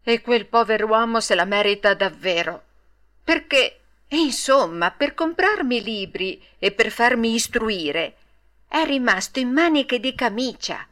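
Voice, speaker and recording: A woman voicing an excitable wooden puppet boy in an Italian storybook reading, speaking high and eager.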